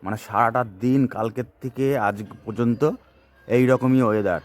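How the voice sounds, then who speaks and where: A man with a voice gone hoarse from a cold, chatting casually and directly to his viewers as a vlogger, outdoors by a bonfire on a cold day. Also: mid-range voice, steady tone, moderate pace. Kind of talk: casual vlog chat.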